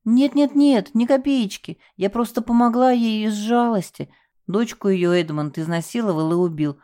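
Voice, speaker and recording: A woman's voice: on the low side, moderate pace, dark tone, natural voice. A woman voicing a frightened young female hotel porter who pleads and protests tearfully in an audiobook. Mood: tearful pleading.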